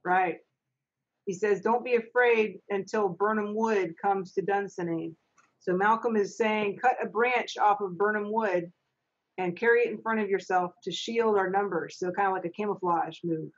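A middle-aged woman with a medium-pitched voice speaks at a moderate pace, serving as stage manager as she reads stage directions and gives readers plain, informal instructions. She's in a small home office, recorded through a computer microphone on a video call, and the audio is dull and lo-fi.

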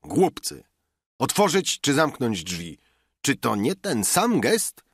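A man's voice: mid-range voice, huge pitch swings, slow, slightly rough, no room sound, studio quality, pitched above the performer's own voice, full character voice. A man voicing a drunken male cynic who mocks philosophy in an audiobook. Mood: mocking. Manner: mocking, declamatory.

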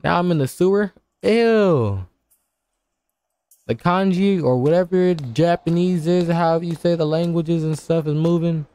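Slow-paced young man streaming horror games, scared commentary. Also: fairly high pitch, warm tone, clear, resonant tone. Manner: playful mock-scolding, talking to the game's characters. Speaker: game streamer.

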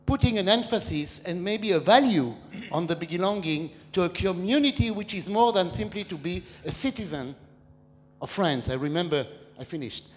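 An older man in the audience asking a long public question into a handheld mic, talking in a discursive way with hesitant pauses. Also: sits high, animated. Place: large dark hall with an audience, standing. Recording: long reverb of a large hall.

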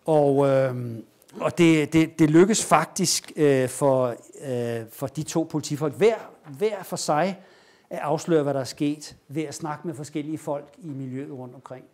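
In a lecture room, a man with a fairly high voice tells a story in a lively, animated way. He acts out the lines he quotes as he retells it.

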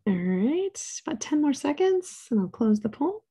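A woman running the polls in an online meeting, speaking in a calm, matter-of-fact way over a video call. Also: sits high, normal speed.

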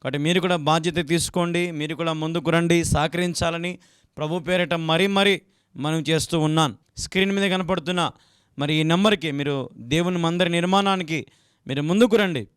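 A man's voice: a little high, brisk, fairly bright tone, clean tone, dry recording, studio quality. A young man from Andhra Pradesh, a pastor giving a televised sermon, pleading earnestly and repeating filler words as he asks viewers for support. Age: young adult. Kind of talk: televised sermon with donation appeal.

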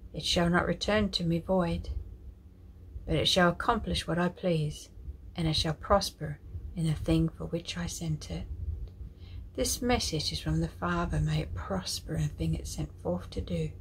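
A woman sharing a devotional message, reading scripture in a soft, prayerful way that often drops to a whisper. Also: fairly low pitch, steady tone, moderate pace, husky, low-quality recording. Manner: emotional, tearful at moments. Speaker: ministry leader sharing a prophetic word.

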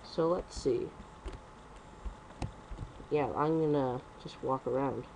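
A young man rambling through casual gameplay commentary at home on a computer mic, talking fast and correcting himself. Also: medium pitch, steady tone, noisy background. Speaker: gaming commentator.

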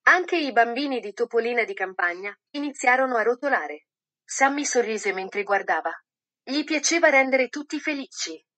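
A woman narrating a children's Christmas story in a gentle, measured reading voice. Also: a little high, lively intonation. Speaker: audiobook narrator.

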